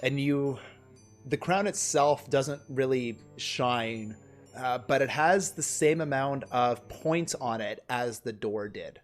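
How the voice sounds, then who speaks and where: A man's voice: medium pitch, takes it slowly, soft background music. A man narrating a tabletop game as game master on a stream, describing scenes in a loose, rambling way with many fillers.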